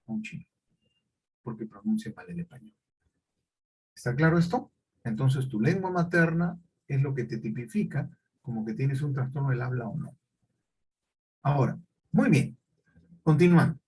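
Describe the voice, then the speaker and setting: Husky-voiced male teacher lecturing. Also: mid-range voice, warm tone, rough recording. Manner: questioning, repetitive explanations with check-ins. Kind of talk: classroom lecture.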